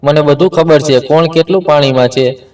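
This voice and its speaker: A man's voice: a little high, brisk, a little mellow, recorded from a distance, natural voice. A man voicing a grave, firm older father. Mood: stern.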